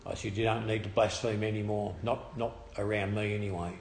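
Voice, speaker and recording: An Australian man telling a personal testimony story in a halting way, with restarts and trailing phrases. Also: fairly low pitch, little pitch movement, roomy sound, a little hiss or hum.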